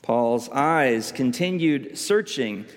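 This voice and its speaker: A man preaching tells a story in sermon style, with slow, dramatic pauses. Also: mid-range voice, animated. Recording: long hall reverb.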